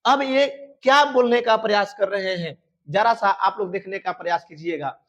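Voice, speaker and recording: A man with a Bihari accent teaching a class, reading English verse slowly and then explaining it line by line. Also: high voice, fairly bright tone, highs cut off. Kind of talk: Hindi lecture explaining an English poem.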